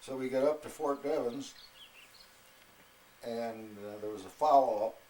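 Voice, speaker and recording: A man in his eighties, an old military veteran recalling his service in an interview in a halting, unhurried way. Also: medium pitch, a little mellow. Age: 80s. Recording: echoey room with faint noise.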